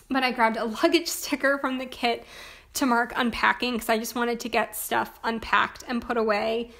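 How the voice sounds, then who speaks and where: A young woman in casual chat about her planner, hoarse from losing her voice, talking in a chatty way with lots of filler words. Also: a little high, fairly even intonation, a little slow, a bit bright. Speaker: planner vlogger.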